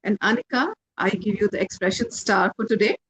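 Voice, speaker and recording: A woman giving measured, encouraging feedback as a contest judge, with emphatic delivery. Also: mid-range voice, big pitch swings, a bit bright, slight background noise, poor audio. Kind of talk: spoken feedback and award announcement.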